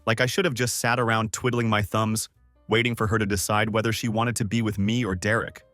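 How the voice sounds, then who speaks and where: A man's voice: fairly low pitch, little pitch movement, a little fast, a bit bright, dry recording, soft background music. A man narrating a scripted first-person story in a dry, sardonic manner.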